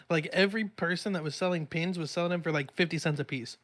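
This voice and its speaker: A woman's voice: fairly low pitch, a little fast, a bit bright. A woman telling a story in an easygoing, casual way while chatting with friends. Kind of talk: casual chat among friends.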